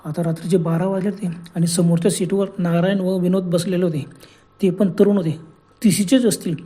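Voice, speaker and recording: A man narrating a horror story in an unhurried, conversational way, often repeating himself. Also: sits high, fairly even intonation, warm tone. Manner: unhurried, conversational retelling with repetitions.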